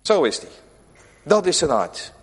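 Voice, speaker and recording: Male pastor, emphatic sermon delivery, high voice, long church reverb. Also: very animated, unhurried, slightly rough. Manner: emphatic preaching, swings between loud calls and quiet asides.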